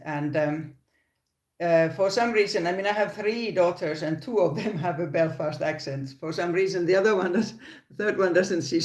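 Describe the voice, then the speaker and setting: An older woman from Finland, speaking with a Finnish accent, hosts a casual crochet livestream on her phone, often laughing and restarting sentences. Her voice sits low, and the room echoes.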